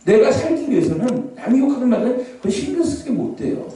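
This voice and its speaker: A man preaching a revival sermon as a pastor, animated, sometimes shouting out scripture cries. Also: very high-pitched, fairly quick. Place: large prayer hall. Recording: echoey hall, voice from far off.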